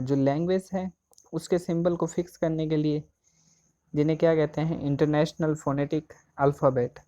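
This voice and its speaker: A man's voice: on the high side, mellow. A man teaching an exam coaching lesson, asking questions and answering them himself. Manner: asks and answers own questions.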